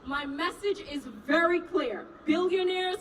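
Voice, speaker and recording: A woman's voice: very high voice, measured pace. A woman from Trinidad and Tobago, a resident physician and union officer, giving a rousing rally speech and chanting slogans. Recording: distant mic, loud crowd and street noise.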